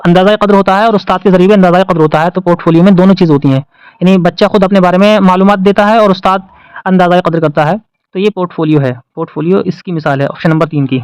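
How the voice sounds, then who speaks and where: A man's voice: sits high, steady tone, darkish tone, clear, resonant tone, no echo, poor audio. A man with an Indian Urdu accent, teaching as an exam-prep teacher and explaining test questions, who repeats the answer options and asks and answers his own questions.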